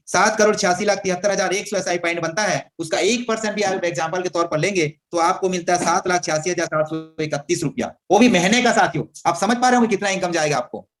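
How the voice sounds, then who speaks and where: High-voiced energetic salesman. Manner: energetic, persuasive, addresses listeners as friends. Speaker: network marketing team leader. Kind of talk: motivational sales presentation.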